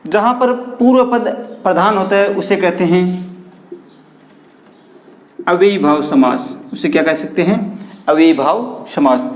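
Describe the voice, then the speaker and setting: High-voiced man teaching in an echoey room. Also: unhurried, long pauses. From India. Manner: repeats key terms as questions to the class; drops in pitch on stressed key terms. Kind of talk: online grammar lesson.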